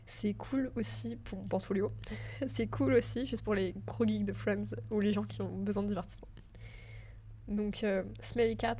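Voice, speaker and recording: A woman's voice: medium pitch, warm tone. Chatty young French woman, nervous. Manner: chatty, filler-heavy, addresses the viewer as tu. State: a bit nervous. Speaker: digital school student. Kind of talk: casual screen-share walkthrough.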